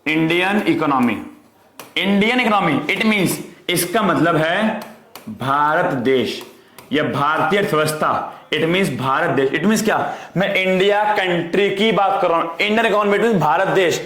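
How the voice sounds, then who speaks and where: Brief: male teacher, fairly high voice, drills students with repetition, echoey room. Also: a little slow, fairly bright tone. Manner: repetitive call-and-response drilling, addresses students as "beta". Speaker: economics teacher. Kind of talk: online class lecture.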